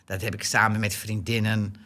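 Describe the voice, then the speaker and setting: A woman in her sixties from Groningen in the Netherlands speaks with a Groningen accent in a rumbling low voice at normal speed. As an interview guest, she tells personal stories in a relaxed, chatty, animated way, laughing often and using many fillers and restarts.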